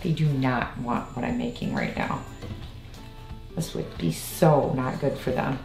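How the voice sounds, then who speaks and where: A woman's voice: a bass voice, big pitch swings, a little slow, creaky, a little mellow. Chatty woman baking in a roomy kitchen. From Iowa, United States. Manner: chatty, rambling asides while working. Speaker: home baking vlogger. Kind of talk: casual baking tutorial chat. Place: home kitchen, indoors. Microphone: far camera on a tripod. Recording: roomy kitchen with faint music.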